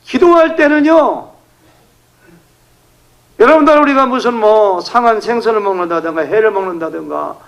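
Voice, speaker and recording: An emphatic male pastor preaching a revival sermon in a church sanctuary. His voice sits high for a man and carries a gravelly edge, and he shifts from quiet asides to loud outbursts. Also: moderate pace, pauses often, lo-fi sound. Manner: emphatic, animated, acting out shouted prayers.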